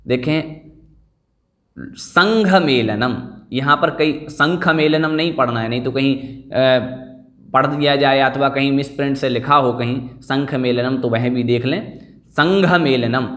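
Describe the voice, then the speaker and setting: Slow, deliberate man teaching scripture. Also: mid-range voice, a bit bright. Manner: slow, deliberate explaining, drills pronunciation word by word. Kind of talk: online scripture class with Sanskrit chanting.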